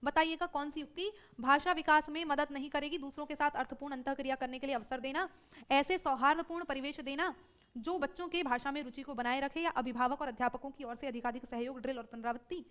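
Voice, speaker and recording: A woman teaching a live online exam-prep class, brisk and self-correcting, who keeps checking in with her students. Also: high voice, steady tone, fairly bright tone.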